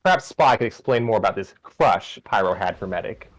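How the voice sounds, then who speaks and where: On a livestream, a man informally reads a story aloud, stumbling over words, rereading phrases and making joking asides. His voice is lowish with lively intonation, and he speaks fairly quickly.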